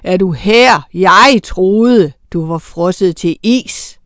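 A huge boastful sea serpent bellows out his teasing greeting, as a woman reading the story puts him on. The voice is loud and brash, recorded dry with no room sound. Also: on the low side, smooth, no echo, natural voice. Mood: mocking.

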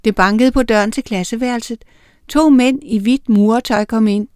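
A woman narrating a children's audiobook, reading with lively character voices. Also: a little high, clean tone, no echo, clean studio sound.

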